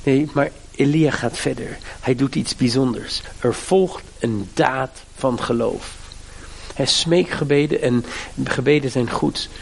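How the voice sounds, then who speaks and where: Middle-aged pastor guy, gravelly husky voice, preaching all fired up. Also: mid-range voice, a little slow. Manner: fervent, emphatic preaching with direct appeals. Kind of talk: sermon.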